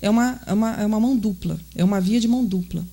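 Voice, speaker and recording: A woman's voice: mid-range voice, fast talker, warm tone. A woman from Brazil with a Minas Gerais accent, giving an earnest, conversational spiritist lecture that often puts questions to the audience. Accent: Brazilian Portuguese, Minas Gerais. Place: spiritist center hall.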